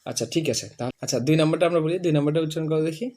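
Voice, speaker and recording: A man teaching English pronunciation, saying each word slowly and over and over for a student to copy. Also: a little high, warm tone. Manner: repeats words slowly, drilling the student. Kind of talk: pronunciation lesson.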